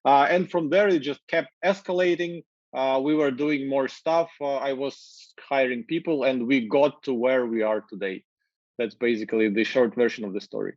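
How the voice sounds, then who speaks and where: A man's voice: mid-range voice, normal speed, dry recording, muffled recording. Ukrainian-accented man on a video call. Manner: energetic, gestures while talking, many fillers. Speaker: marketing executive guest. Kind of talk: casual interview talk. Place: office with glass walls, indoors. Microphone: wireless earbuds on video call.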